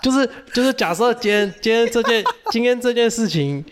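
A man's voice: very high-pitched, expressive, brisk, noisy background. A man co-hosting a casual podcast, talking in a hesitant, teasing way and laughing often. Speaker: podcast co-host. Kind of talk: casual chat.

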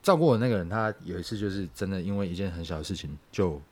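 A young man, telling a personal story on a podcast in a halting, reflective way. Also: deep voice, animated. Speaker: podcast co-host. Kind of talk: casual podcast chat.

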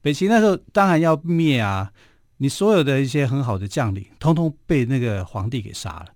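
A man's voice: medium pitch, big pitch swings, fairly quick, dry recording. A man with a Taiwanese Mandarin accent hosting a radio history show, telling stories casually with many filler particles, recorded in a studio. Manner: chatty, frequent filler particles.

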